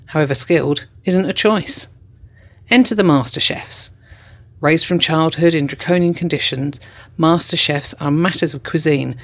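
A man narrating as a correspondent in a measured, formal documentary style. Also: on the high side, vocal fry.

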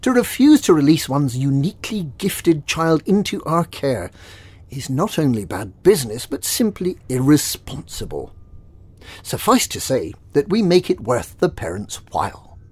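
A man's voice: fairly high pitch, very animated, a little slow, a little mellow, husky, dry recording, full character voice. A man playing a smug Slavic-accented recruiter. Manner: clipped, exact syllables. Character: secretive smug male recruiter of child chefs. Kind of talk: audio drama acting.

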